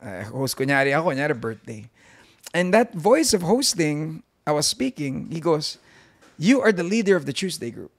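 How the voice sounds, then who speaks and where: A man in his forties from Los Angeles, a guest in a casual interview, telling his story in a lively way and switching between English and Tagalog. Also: on the high side, normal speed, gravelly. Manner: animated storyteller, mixing in Tagalog.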